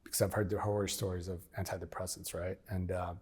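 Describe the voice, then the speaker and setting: A forties-aged former military operator talks fast in a low, little-varying voice that's a bit mellow with a breathy edge. As an interview guest he tells his story frankly, often playing out earlier conversations.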